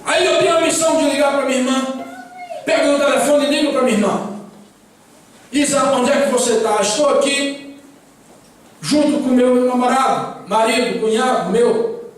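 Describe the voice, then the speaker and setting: Brief: male preacher, high voice, dramatic testimony, recorded far off in a very echoey church hall. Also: moderate pace, pauses often. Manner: dramatic storytelling, acting out quoted dialogue. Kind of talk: sermon testimony.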